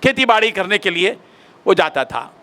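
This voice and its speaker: A man's voice: high voice, expressive, moderate pace, sharp tone. A male maulana delivering an emphatic, moralizing storytelling sermon. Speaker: maulana preacher.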